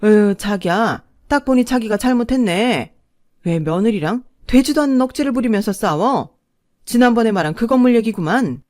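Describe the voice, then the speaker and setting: An indignant middle-aged neighbor lady scolds in a sharp, scolding tone, as a woman reader puts her on. The voice sits close to the mic with no room sound around it, and the scolding rises in pitch. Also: expressive, normal speed, no echo, natural voice.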